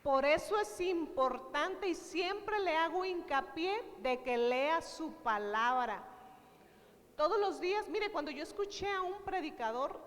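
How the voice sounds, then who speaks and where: A woman's voice: sits high, lively intonation, unhurried, few pauses, big-room sound. A woman preacher giving a sermon, talking straight to her congregation and retelling conversations in quoted dialogue. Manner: earnest, direct address to the congregation.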